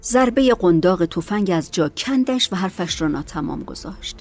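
A woman narrating a story in a soft, hushed reading voice. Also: lowish voice, expressive. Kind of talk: audiobook narration. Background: faint music.

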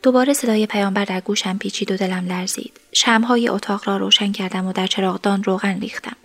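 A woman narrating a story in the first person, in a soft, sometimes whispered voice. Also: mid-range voice, fairly even intonation, faint music behind.

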